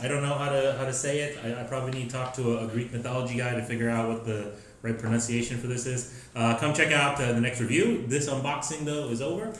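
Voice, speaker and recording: Man, tech reviewer, casual unboxing chat, rambling with fillers, strongly echoey room. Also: mid-range voice. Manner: rambling, many fillers and restarts. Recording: very echoey room, faint noise.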